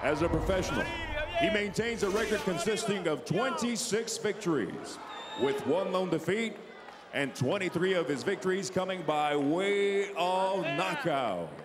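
Booming man drawing out fighter introductions. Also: expressive, long reverb tail. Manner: drawn-out, dramatic announcing of names. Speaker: ring announcer. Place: boxing arena with a crowd. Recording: arena broadcast with background noise.

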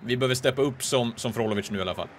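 A man from Sweden hosting a gaming channel, giving casual play-by-play commentary that swings from calm remarks to excited shouts. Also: medium pitch, a little hiss or hum.

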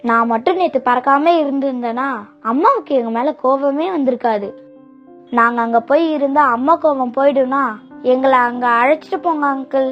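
A woman's voice: high voice, normal speed, natural voice. A woman voicing small, innocent sparrow chicks in a cartoon, pleading and childlike. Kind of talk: cartoon voice acting. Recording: dull lo-fi with faint music.

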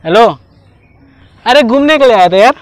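High-voiced cheeky young man. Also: expressive, moderate pace, no echo, soft background music. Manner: cheeky, mock-apologetic, talking loudly on a phone. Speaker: prankster. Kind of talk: hidden-camera prank banter. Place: outdoor park.

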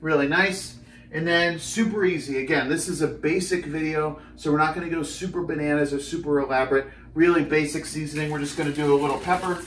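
A man in his thirties with a fairly high voice speaks briskly during a playful, upbeat fitness cooking demo in his small home kitchen. The room echoes, and the camera mic a few steps away leaves him slightly off-mic, with a little hiss or hum.

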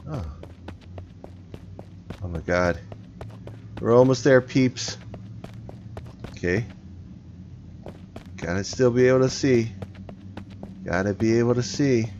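A man hosting his own gaming channel, chatting excitedly to viewers as he plays. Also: medium pitch, slow pace, long pauses, faint music behind. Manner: excitable, talks to viewers while playing. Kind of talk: casual gameplay commentary. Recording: slightly dull, faint background noise.

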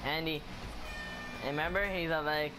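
Young male gamer, high voice, slow-paced teasing banter, excitable. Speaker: video game player. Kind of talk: casual gaming banter with a friend. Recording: clearly noisy game-session recording.

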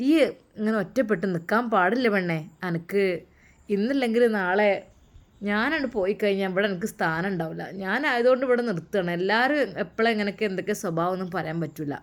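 A woman voicing an affectionate older mother who gently coaxes and persuades in a storybook tale. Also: medium pitch, fairly quick, lightly acted. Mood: coaxing tender. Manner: coaxing, affectionate. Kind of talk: storytelling voice acting.

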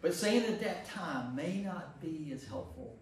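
In an echoey room with a small group, a pastor with a high-pitched voice and lively intonation teaches an informal Bible study at a measured pace. Conversational, he repeats phrases for emphasis and poses questions to check in with listeners. The distant room microphone picks up echo and noise.

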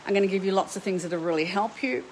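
A middle-aged Australian woman teaches art on a live stream. She talks in an upbeat, chatty way, and her voice sits at a middle pitch. A faint hum of noise is heard behind her. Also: fast, darkish tone, low-quality recording. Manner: upbeat, chatty, greets viewers by name. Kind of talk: live stream chat to viewers. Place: home painting studio.

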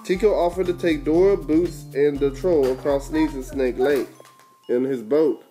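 A man's voice: on the high side, moderate pace, warm tone, faint music behind. A father reading a children's storybook aloud, coaxing his kids to repeat words in a sing-song way.

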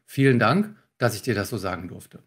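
A man, a communication trainer, calmly explaining techniques in a podcast interview, with examples. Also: fairly low pitch, a little fast, husky. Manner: calm, instructive, walks through techniques with examples.

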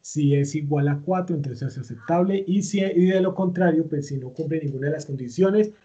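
Patient teacher, husky lo-fi voice. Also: male voice, fairly high pitch, a little fast, mellow. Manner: patient, step-by-step, many fillers and self-corrections. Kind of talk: recorded online class, screen-share tutorial.

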